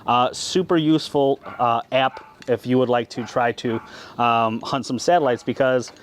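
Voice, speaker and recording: An American man hosts an amateur radio video, talking casually with a steady, medium-pitched voice at a moderate pace. He chats vlog-style and exchanges call signs, spelling them out in the phonetic alphabet. There's slight background noise.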